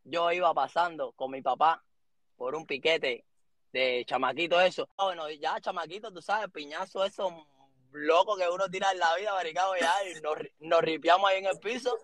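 A man in his thirties from Cuba with a Cuban accent, telling a story as an interview guest in lively street slang. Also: fairly high pitch, normal speed, no echo. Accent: Cuban Spanish. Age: 30s. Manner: animated street slang, acts out quotes.

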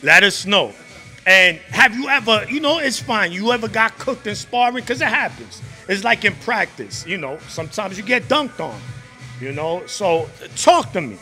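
A man hosts an interview in a boxing gym, coaxing his guest with upbeat praise and frequent "right?" tags. His voice is very bright and sharp, and slightly higher than average for a man. He holds a handheld mic. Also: lively intonation, moderate pace, faint music behind. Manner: hyped, encouraging, repeats "right?". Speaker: interviewer, host. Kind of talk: casual interview questions. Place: boxing gym beside a ring, indoors.

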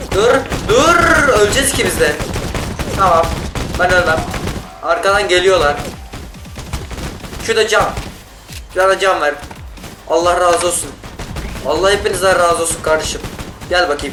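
A man giving casual gameplay commentary, excitable and yelling in bursts during fights, talking to the other players. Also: sits high, distant mic. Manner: talks to other players and teammates. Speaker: gaming YouTuber. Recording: roomy sound, off-mic, loud game music. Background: game music and gunfire.

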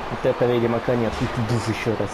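A man giving excitable wrestling commentary over video game play, exclaiming and repeating his phrases. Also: medium pitch, quick pace, loud music behind the voice, rough recording. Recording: clear background game noise.

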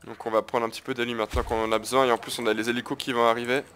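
A man's voice: mid-range voice, flat delivery, very fast, a bit bright, slight background noise. A man hosting his gaming video, talking viewers through a strategy match in a casual, crude, chatty way. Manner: chatty, crude slang, keeps addressing viewers as guys. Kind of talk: casual live gameplay commentary.

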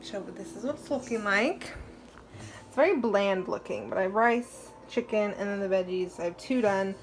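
A woman's voice: mid-range voice, moderate pace. Young woman vlogger, chatty and rambling, phone mic in a home kitchen with faint hiss. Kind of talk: casual vlog chat. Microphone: phone camera.

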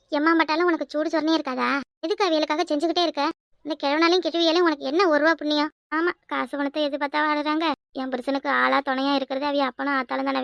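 Woman voicing a loud, blunt village daughter-in-law. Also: high-pitched, gravelly, dry recording, studio quality. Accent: southern Tamil Nadu village Tamil. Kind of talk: cartoon voice acting.

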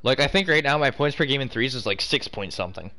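A man's voice: medium pitch, expressive, quick pace, pushed and bright. A young man in casual gaming chat, trading crude, sweary banter. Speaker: online hockey game player.

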